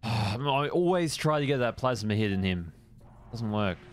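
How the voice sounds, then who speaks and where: A man's voice: mid-range voice, animated, a little slow. A young adult man, chatting casually on a gaming live stream, rambling laid-back and swearing at the game.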